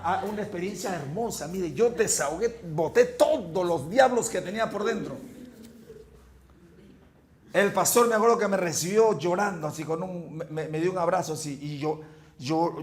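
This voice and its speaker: High-voiced man preaching a fervent sermon. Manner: fervent preaching, swinging from hushed storytelling to shouts; repeats words and restarts often. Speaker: pastor. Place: church.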